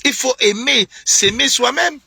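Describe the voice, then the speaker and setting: Indignant high-voiced man ranting. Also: a little slow, vocal fry, sharp tone, slightly rough, no room sound, clean studio sound. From Cameroon. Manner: indignant, repetitive, mocking laughs. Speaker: online political commentator. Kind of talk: heated live-stream rant.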